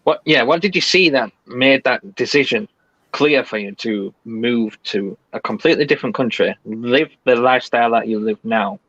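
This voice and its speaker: A man hosting a podcast interview, asking measured, probing questions. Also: mid-range voice, fairly bright tone, no echo. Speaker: podcast host. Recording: dry, dull lo-fi sound.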